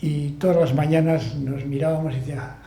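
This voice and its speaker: A man's voice: fairly high pitch, fairly even intonation, fairly quick, gravelly, dark tone. Basque-accented man telling sea stories. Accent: Spanish, Basque. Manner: storytelling with laughs and frequent restarts. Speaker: book author giving a talk. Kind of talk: relaxed anecdotal talk to an audience. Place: club hall with audience. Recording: echoey room, faint ambience.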